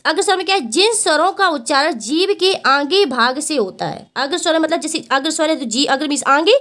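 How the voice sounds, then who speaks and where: A woman's voice: sits high, lively intonation, a bit bright. A woman teaching a Hindi exam-prep lesson. She asks the class a question, answers it herself, and repeats each point, often calling the students "beta". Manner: drawn-out vowel demonstrations.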